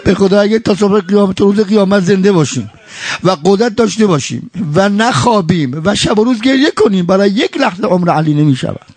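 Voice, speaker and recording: Male preacher, mourning sermon, high voice, dry sound, impassioned, wide swings in tone. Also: animated, darkish tone, no echo. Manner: impassioned, sweeping swings between high and low; swears oaths and quotes Arabic.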